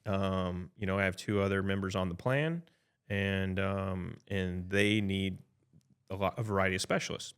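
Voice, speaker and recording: A man in his fifties with a lowish voice talks through insurance options as an advisor in a loose podcast conversation. He thinks aloud, backs up and restarts, and keeps tossing in "right?" to check that his listener is following. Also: fairly even intonation, normal speed, fairly bright tone, smooth. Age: 50s. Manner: chatty, frequent "right?" tag checks and restarts. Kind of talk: casual podcast explanation.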